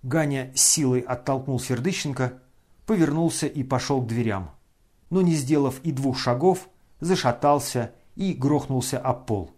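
A man with a mid-range voice narrates a classic novel as an audiobook, telling the story in a measured, expressive way.

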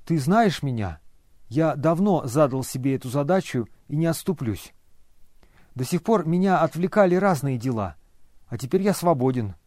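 A man reading a novel aloud and voicing an energetic, resolute grown man who speaks urgently and insistently to an old friend. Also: fairly high pitch, moderate pace, no room sound, clean studio sound, lightly acted. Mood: insistent, concerned.

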